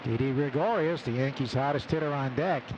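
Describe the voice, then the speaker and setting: Steady ballpark noise fills this noisy outdoor radio broadcast as a man calls baseball play-by-play in clipped bursts. He speaks a little fast in a mid-range voice.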